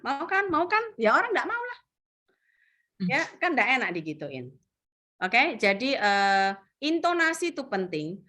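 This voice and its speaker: A woman training insurance sales agents in an animated coaching talk, mixing in English phrases and acting out what clients say. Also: mid-range voice. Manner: acts out client voices.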